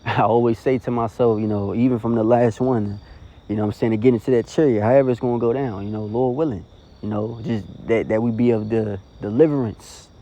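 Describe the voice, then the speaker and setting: A man's voice: mid-range voice, fairly even intonation, fairly quick, warm tone. A man preaching informally into his phone, earnest and rambling, tagging lines with "you know" and "okay?". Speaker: street preacher. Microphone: phone recording.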